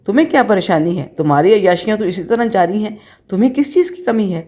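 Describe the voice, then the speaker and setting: A woman's voice: lively intonation, dark tone, lightly acted. A woman doing a bitter, furious wife. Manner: shrill, accusing.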